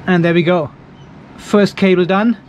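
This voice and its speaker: A DIY video host in his fifties narrates a hands-on job in his garage workshop with a metal roof, thinking aloud in a casual, informal way. His high-sitting voice is steady and measured, with some workshop noise in the background.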